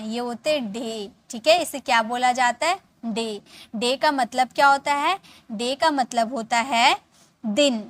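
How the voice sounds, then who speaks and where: A woman teaches an English lesson with a high voice. She spells each word, repeats it slowly and keeps checking that her students follow. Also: a bit bright.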